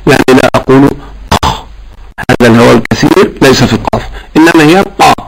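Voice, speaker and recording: A man teaching correct Quran recitation, explaining patiently and chanting verses slowly to demonstrate. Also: mid-range voice, vocal fry, very noisy.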